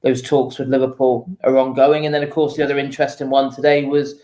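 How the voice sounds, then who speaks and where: A man speaks as a football journalist in an interview. His pitch stays very even, and he explains his views in a measured, conversational style. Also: poor audio. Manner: measured, explanatory, often says "you know". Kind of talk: casual interview answers, informed analysis.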